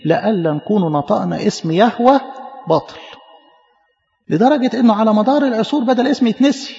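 A man with an Egyptian Arabic accent preaches at a quick clip, his voice high and gravelly. He explains with emphasis and stumbles on repeated syllables. The recording is muffled and carries a long hall echo. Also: darkish tone. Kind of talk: sermon teaching.

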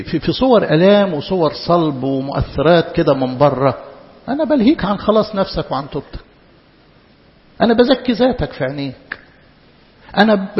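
A man with an Egyptian Arabic accent preaching a sermon in an impassioned, rhetorical way, firing questions at his listeners. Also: high voice. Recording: echoey hall, dull lo-fi sound.

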